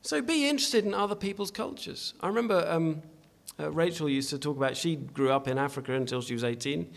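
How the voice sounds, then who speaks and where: Earnest preaching man, slightly high voice. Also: fast, gravelly. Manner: earnest, emphatic exhortation with frequent restarts. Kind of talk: sermon.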